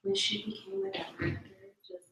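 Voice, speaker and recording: A woman at a meeting, talking casually and in a relaxed way. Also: very high voice, moderate pace, vocal fry, a little hiss or hum. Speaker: unit member at the meeting. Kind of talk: casual conversation. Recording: echoey room, far from the mic.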